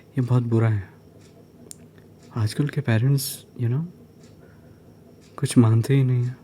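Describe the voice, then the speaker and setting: Soft-spoken man in whispered role-play. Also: medium pitch, fairly even intonation, slight background noise. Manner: soft, soothing, slow; mixes English phrases into Hindi. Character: caring male neighbour comforting a crying woman. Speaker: ASMR role-play creator.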